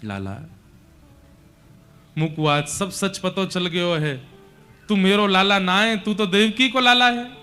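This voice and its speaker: Man, take on a heartbroken village mother with a Braj accent: soft and pleading, rustic speech, voice catching between hushed and urgent. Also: fairly high pitch, fairly even intonation, a little slow, clean tone, faint music behind. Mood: grieving tender. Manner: pleading, tender, rustic dialect. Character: grieving village mother, tender and devoted.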